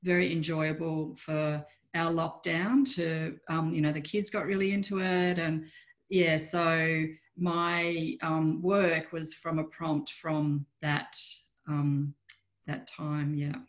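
Middle aged aussie woman, slightly low voice, casual rambly interview chat over video call from home. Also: flat delivery, slow. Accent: Australian. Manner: informal, rambling, trailing off mid-sentence. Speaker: artist interviewee. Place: small room at home, indoors.

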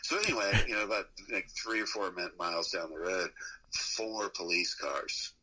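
Very deep-voiced man telling road stories. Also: moderate pace, pushed and bright, low-quality recording. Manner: profane, rambling, laughing storyteller. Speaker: musician guest. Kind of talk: casual storytelling interview.

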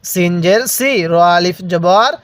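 A man with a Bangladeshi Bengali accent teaching Quran reading, slowly spelling out letters and vowel marks one at a time and having the listener repeat after him. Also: high-pitched, a bit bright, no room sound. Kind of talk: slow spelled-out recitation lesson.

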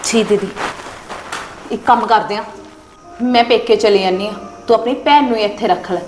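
A woman's voice: a little high, normal speed, faint music behind, close to an everyday voice. A woman playing a spiteful nagging wife. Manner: sharp, nagging, combative. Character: spiteful young wife, jealous of her sister-in-law. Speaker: actor in a short film. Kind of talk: melodramatic short-film acting. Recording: echoey room.

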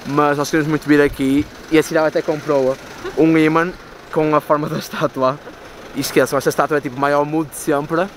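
With a voice on the high side, a level tone and a brisk pace, a European Portuguese travel vlogger in his twenties chats casually while touring a city. He holds the camera at arm's length and rambles with many fillers through the streets, a stone cathedral and a big store, street noise behind him.

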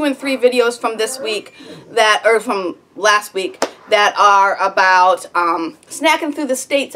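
A woman's voice: on the high side, a bit bright. A woman in her thirties chatting casually to camera in a small sitting room, rambling a little with lots of ums. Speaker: homestead vlogger.

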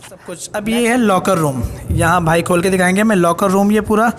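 A young man from Pakistan giving an excited walking tour of a large gym as a fitness vlogger, filming on a handheld phone. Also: high voice, brisk. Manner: excited, enthusiastic, mixing in English phrases. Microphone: handheld phone camera. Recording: long hall reverb, faint ambience.

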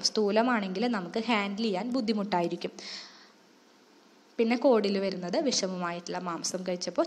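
A young woman teaches in a steady, methodical way, glossing each term in English. Her voice sits at an ordinary pitch. The recording carries a long reverb, as in a hall. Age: young adult. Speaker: student tutor. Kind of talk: exam-focused lecture.

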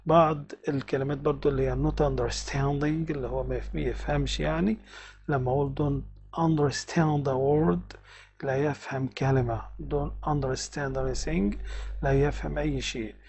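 A man with an Egyptian Arabic accent teaching English vocabulary, reading English words slowly and explaining them quickly. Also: a little high, steady tone, creaky, a little mellow.

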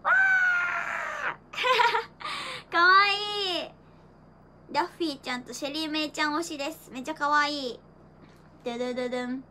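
Very high, excitable young woman using gyaru slang. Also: rapid-fire. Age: teens. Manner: playful gyaru-style slang and silly sound effects; excitable, giggly, exclaiming. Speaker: idol livestreamer. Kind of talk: casual livestream chat, showing gifts. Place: small decorated room indoors. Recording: faint background noise.

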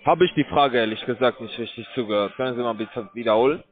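Over a tinny phone line, a man working as a scam call center agent makes a cold call, talking fast as he pushes a sales pitch in broken grammar full of hesitant fillers.

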